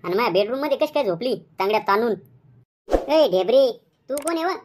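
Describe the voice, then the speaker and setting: A loud, indignant village wife from a cartoon comedy, voiced by a man, scolding in a shrill Khandeshi Marathi accent. Her voice sits very high and sharp, and every line comes out as a complaint. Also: animated, quick pace. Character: bossy village wife, second spouse returned.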